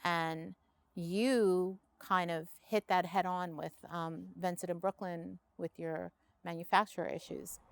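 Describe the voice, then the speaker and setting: Woman interview host, slightly low voice, reflective and rambling, dry close sound. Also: fairly even intonation, measured pace, vocal fry, no echo. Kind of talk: casual interview chat.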